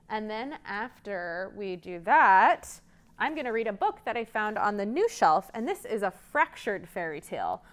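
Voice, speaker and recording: A children's librarian hosting storytime coaches her young audience with questions while telling stories interactively. Her mid-range voice has a clean tone.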